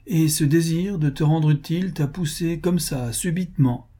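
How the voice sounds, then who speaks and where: A man's voice: fairly high pitch, normal speed, mellow, pitched above the performer's own voice, close to an everyday voice. A man voicing a jovial older uncle in a storybook reading, with a hearty, exclaiming manner. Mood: teasing.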